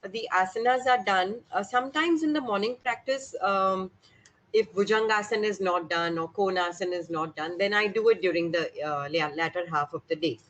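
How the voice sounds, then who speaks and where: A woman's voice: medium pitch, normal speed, a bit bright. A middle-aged woman, sharing informally in a group session and slipping between English and Hindi.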